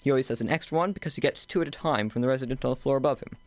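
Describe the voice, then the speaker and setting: A young man voicing a relaxed, offhand lodger who lounges in an armchair with a cigar. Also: medium pitch, rapid-fire, dry recording, lightly acted. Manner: casual, offhand.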